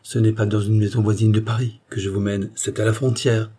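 Male narrator as a poised aristocrat; low, husky, soothing. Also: flat delivery, a little fast, mellow, natural voice. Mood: reassuring. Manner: soothing, reassuring. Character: calm self-assured aristocratic duke.

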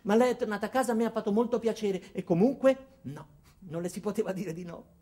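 In a comic radio drama, an actor voices an earnest, insecure office man narrating his own story in a deadpan, hesitant way. The voice is high and slightly rough, and he talks fast.

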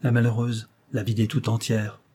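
A man reads a classic tale aloud in a steady storytelling manner. His voice is dark and mellow, with a husky grain. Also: on the low side, normal speed. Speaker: narrator. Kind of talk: audiobook reading of a classic tale.

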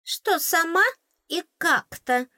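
A pint-sized tooth fairy squeaks and shrills with theatrical outrage, bossing someone around. The voice sits far above a normal speaking voice. The sound is dry and close, with no room around it. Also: female voice, slow pace, sharp tone, no echo, exaggerated voice. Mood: bossy. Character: tiny squeaky female tooth fairy, bossy and indignant.

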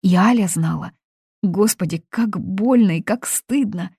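A woman's voice: a little slow, warm tone, slightly rough, no echo, studio quality. A woman reading aloud, voicing a young woman who is crying and pleading in distress. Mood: sobbing. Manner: pleading, high-strung. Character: young woman, sobbing, desperate bride-to-be. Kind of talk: audiobook reading.

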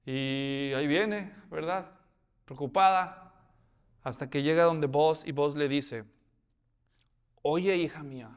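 A man's voice: fairly high pitch, slow, clean tone. A man preaching a sermon, acting out the scenes in voices and putting questions to his listeners. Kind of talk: expository sermon.

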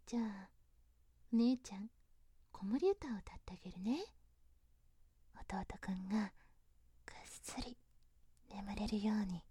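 Woman performing teasing, tender big sister, whispered role-play, bedside pillow talk, mellow breathy voice, unhurried, close and dry. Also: mid-range voice, no room sound. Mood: soothing, hushed. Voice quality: soft, breathy. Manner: slow, coaxing, tender bedside murmuring. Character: doting, teasing big sister soothing her younger brother to sleep.

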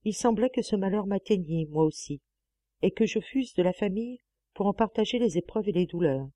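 A woman narrating a classic novel as an audiobook, with a measured, expressive reading on a close mic. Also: mid-range voice, dry recording. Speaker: audiobook reader.

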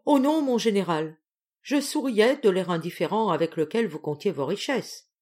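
A woman's voice: mid-range voice, expressive, normal speed, darkish tone, close to an everyday voice. A woman voicing a loyal, devoted former soldier who answers his master politely in an audiobook. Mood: respectful. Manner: respectful, polite.

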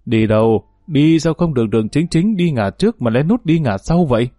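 Man doing a bullying old mother-in-law, scolding, threatening, warm low tone, dry recording. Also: lively intonation, a little fast, dry recording, faint music behind, close to an everyday voice. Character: scheming older mother-in-law, harsh and bullying.

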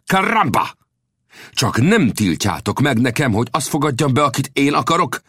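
A proud, hot-tempered ranch owner who blusters and protests in a high, loud voice, as a man puts him on. His pitch swings sharply as he rages. The reading sounds close and dry. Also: sing-song, breathy edge, no echo. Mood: blustering. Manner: indignant, blustering.

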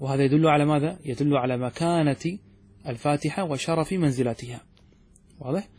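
A man teaching religious law, explaining a text step by step and often asking his students whether it is clear. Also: fairly high pitch. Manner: poses questions then answers them. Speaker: sheikh teaching Islamic jurisprudence. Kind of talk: classroom commentary on a text.

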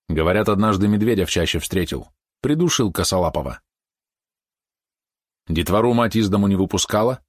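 A man reading a historical story aloud in a steady storytelling manner. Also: fairly low pitch, no room sound, studio quality. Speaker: narrator. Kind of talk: audiobook narration.

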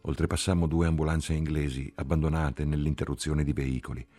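A man reading a novel aloud in a measured, sober first-person telling. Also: extremely low pitch, fairly even intonation, dark tone. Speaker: audiobook reader. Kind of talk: scripted literary narration.

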